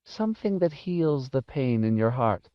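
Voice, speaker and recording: A man voicing a kindly, soft-spoken old woman housekeeper with a sorrowful, fussing manner in an audiobook. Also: a little high, sing-song, a little slow, no room sound, dull audio, voice pushed up. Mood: sad, tender. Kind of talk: audiobook character voice.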